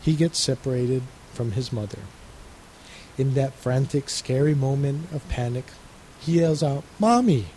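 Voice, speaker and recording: Man, resident minister, calm measured radio sermon, mellow voice, faint hiss. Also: medium pitch, poor audio.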